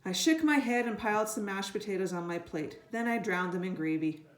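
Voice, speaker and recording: A woman reading a children's book aloud in a lively storytelling way. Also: medium pitch, fairly quick. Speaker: reader. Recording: roomy echo.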